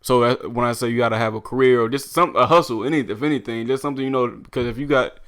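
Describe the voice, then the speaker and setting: A man's voice: mid-range voice, fast, fairly bright tone. Laid-back young man arguing back. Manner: laid-back, hesitant, argues back with restarts. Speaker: podcast co-host. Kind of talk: casual chat.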